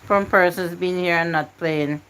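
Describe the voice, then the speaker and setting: A woman's voice: lowish voice, fairly even intonation, measured pace, fairly bright tone, a little hiss or hum, poor audio. A woman hosting a live stream word game, coaxing and pleading with her chat to join in.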